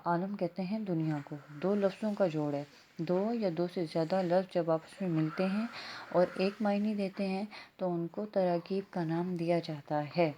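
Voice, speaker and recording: A Pakistani woman teacher gives a classroom lesson in a methodical way, spelling words out mark by mark. Her voice sits on the low side and sounds mellow and soft-edged. A faint hiss runs under it. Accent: Pakistani Urdu. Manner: methodical, spells out vowel marks letter by letter. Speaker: school teacher. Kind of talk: classroom lesson, answering exercise questions.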